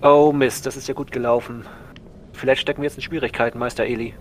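A male player with a medium-pitched voice speaks in character in a tabletop role-play. There is noise behind him. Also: steady tone, quick pace.

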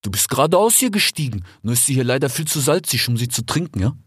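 A man voicing a smooth-talking male desert fox in a storybook, chatty and persuasive, ending his sentences with little tag questions. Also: mid-range voice, sing-song, fast talker, fairly bright tone, dry recording, clean studio sound, full character voice. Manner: chatty, keeps tagging "ja?" and "ich schwör". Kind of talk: audiobook character voice.

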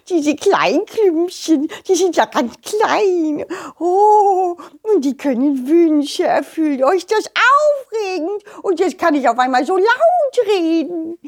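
A high, squeaky storybook butterfly, put on by a woman reading aloud, fluttering through words in excited, swooping bursts. He repeats himself in giddy little runs and drags out his exclamations. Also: slow pace, exaggerated voice. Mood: delighted. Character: excitable chatty male butterfly, suddenly very loud.

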